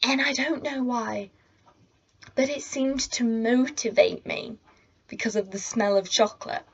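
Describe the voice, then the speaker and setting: A woman's voice: fairly high pitch, unhurried, husky, highs cut off. A teenage girl telling a story to camera in a chatty, rambling way, full of asides. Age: teens. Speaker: vlogger. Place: indoors at home. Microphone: laptop or camera mic.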